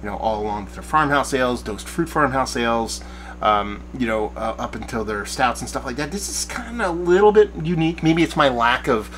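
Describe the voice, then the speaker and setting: A man's voice: mid-range voice, a bit bright, rough recording. A man in his forties talks through a beer tasting at his desk, rambling and searching for the right word as he goes. His voice sits in a middle register. A faint hum runs underneath. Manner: rambling, searching for words, enthusiastic. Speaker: beer reviewer. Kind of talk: casual beer review to camera. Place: backyard shed studio at night, small room.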